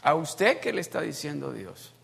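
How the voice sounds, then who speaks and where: Brief: church preacher, mid-pitched, works the room with repeated lines and questions. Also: big pitch swings, normal speed, gravelly, a bit bright. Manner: rhetorical questions to the congregation; repeats phrases for emphasis. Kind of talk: sermon.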